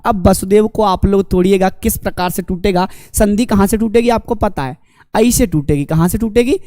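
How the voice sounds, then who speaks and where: A man's voice: high-pitched, moderate pace, warm tone, no echo, clean studio sound. A man teaching an online exam-prep lecture, asking the class questions and answering them himself, calling the students his dear companions.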